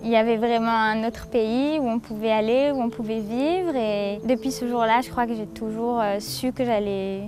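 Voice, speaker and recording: Brief: woman in her twenties from Paris, student testimonial, slightly high voice, earnest and halting, strummed guitar behind her. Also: steady tone. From France, Paris. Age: 20s. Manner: earnest, halting with frequent fillers. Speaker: university student. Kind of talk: testimonial interview. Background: plucked guitar music.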